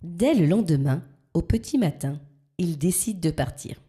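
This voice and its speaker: A woman narrating a children's story in a calm, even storytelling manner. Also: lowish voice, unhurried, slightly rough.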